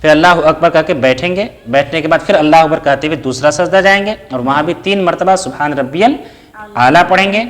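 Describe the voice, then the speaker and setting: A man's voice: a little high, a little fast. A man teaches each step of the prayer in order, in a slightly raised voice. He poses a question to the listener and answers it himself. He works short recited Arabic phrases into the explanation. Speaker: religious teacher. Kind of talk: step-by-step spoken lesson.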